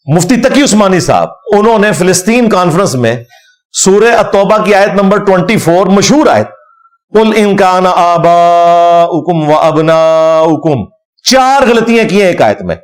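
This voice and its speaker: A man, an Islamic scholar, giving a religious lecture in an animated, scornful manner and reciting Arabic verses along the way. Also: sits high.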